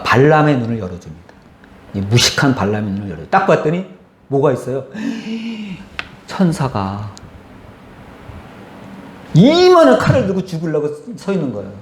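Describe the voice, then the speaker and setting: A male pastor preaching a sermon, telling the story with animated delivery and acting out the characters' lines. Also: mid-range voice, reverberant, slight background noise.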